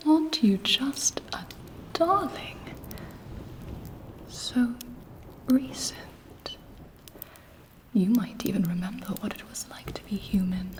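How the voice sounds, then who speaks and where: Woman whispering as Carmilla, a slow, haughty vampire queen. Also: mid-range voice, lightly acted. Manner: imperious, sardonic, slow and deliberate. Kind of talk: whispered ASMR roleplay.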